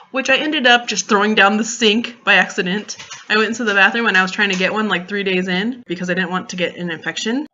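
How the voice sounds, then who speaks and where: Young woman, bright forceful voice, casual vlog storytelling, animated, chatty fillers, slightly dull lo-fi recording. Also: mid-range voice. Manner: animated, filler-heavy retelling with quoted dialogue. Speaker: vlogger.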